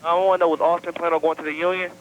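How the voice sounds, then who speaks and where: A man's voice: on the high side, little pitch movement, racing, muffled recording. A man calling in to a radio show with the phone held away from his mouth, so he sounds faint and distant. He talks hesitantly, with many ums. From Cleveland area. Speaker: caller. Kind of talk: call-in chat.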